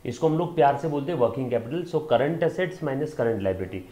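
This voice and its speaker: A male commerce teacher gives an online lecture at a middle pitch. He coaxes his students along and keeps checking that they follow, dropping English terms into his sentences. The room around him is noticeably echoey. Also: lively intonation, moderate pace, mellow. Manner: coaxing, checks students' understanding; mixes Hindi with English terms.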